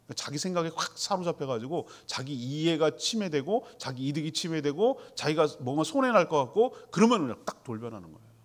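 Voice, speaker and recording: A man's voice: on the high side, big pitch swings, quick pace, few pauses. A man preaching a sermon in a conversational way, asking the congregation questions and answering them himself. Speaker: pastor.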